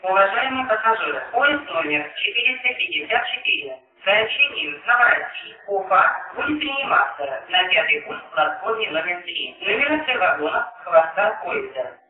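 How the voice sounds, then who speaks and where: A man reading formal, measured public-address announcements at a railway station, in the manner of an airport announcement. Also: mid-range voice, big pitch swings. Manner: formal, measured announcing with set phrases repeated. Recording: echoey distant station loudspeaker, muffled lo-fi.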